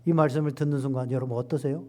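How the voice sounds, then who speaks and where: A middle-aged man preaching a Sunday sermon as pastor, animated and acting out quoted lines with rising emphasis. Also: medium pitch, very fast.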